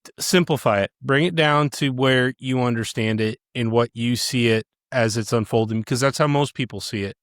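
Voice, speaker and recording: A man co-hosting a podcast in a middle-pitched voice. He argues, interrupts and lectures in a casual debate. The sound is close and dry. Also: normal speed, a bit bright, no echo. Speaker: podcast co-host.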